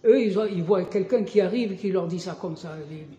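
A man with a high, mellow voice argues his point in a casual class discussion. He thinks aloud as he pushes back on the teacher. The room echoes, and faint background noise sits under his voice. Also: a little fast, highs cut off. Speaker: class participant.

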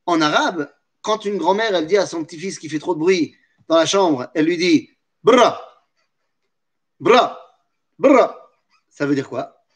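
High, lively-voiced man teaching Torah. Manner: asks rhetorical questions and answers them; mixes Hebrew terms into French. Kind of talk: religious lesson.

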